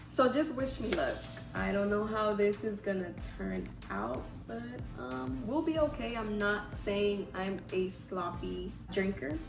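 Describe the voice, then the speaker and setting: A woman's voice: mid-range voice, vocal fry. A woman in her twenties from Houston, Texas, chatting casually and self-deprecatingly to viewers in slangy speech, her voice affected by a cold. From Houston, Texas, USA. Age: 20s. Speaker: vlogger. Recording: echoey room, music underneath.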